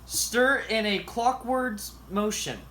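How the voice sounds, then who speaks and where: A man's voice: high-pitched, takes it slowly, sharp tone, slight background noise. A man hosting a goofy home cooking tutorial, reading recipe steps aloud and making up silly facts. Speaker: cooking show host. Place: home kitchen.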